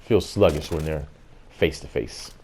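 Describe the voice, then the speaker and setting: A man's voice: rumbling low, measured pace, background noise. A man giving a casual gameplay tutorial as host, explaining things in an informal way.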